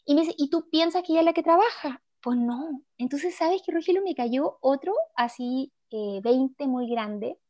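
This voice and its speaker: A woman, the guest of an interview, telling a work story in an animated, chatty way full of little fillers. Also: sits high, normal speed, few pauses. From Chile. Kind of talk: conversational storytelling.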